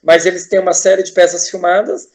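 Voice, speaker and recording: A man's voice: sits high, steady tone, a little fast. A Brazilian man, a teacher and artist, talking as a guest in a casual interview, enthusiastic and rambling with frequent restarts and tag questions.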